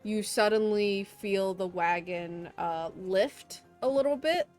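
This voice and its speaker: A woman narrating a tabletop game as game master, slow and halting with fillers. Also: mid-range voice, darkish tone, faint music behind.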